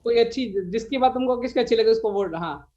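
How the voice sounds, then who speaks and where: A man's voice: extremely high pitch, mellow, lo-fi sound. A man teaching maths in a live class, mixing Hindi and English with an Indian accent, dictating notes and quizzing his students. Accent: Indian English mixed with Hindi. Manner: dictates slowly, quizzes students, calls them beta. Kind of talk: live online class lecture.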